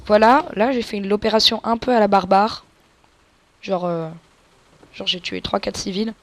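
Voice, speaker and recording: Acting as a let's play gamer, a woman who has a cold offers casual, crude, joking gameplay commentary and walks viewers through her tactics. Her voice is medium-pitched and she talks at a normal speed.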